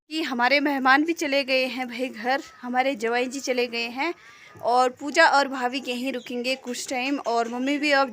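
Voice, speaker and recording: Bright high-voiced Pahadi woman vlogger. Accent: Uttarakhand Pahadi. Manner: lively, teasing and chatty. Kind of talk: casual family vlog chat.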